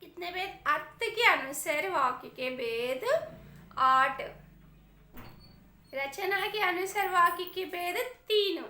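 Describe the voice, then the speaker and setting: A woman's voice: extremely high pitch, pushed and bright. A woman teaching a grammar lesson in to children, mixing in simple English words and repeating key words. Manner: slow, drawn-out teaching delivery. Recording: echoey room.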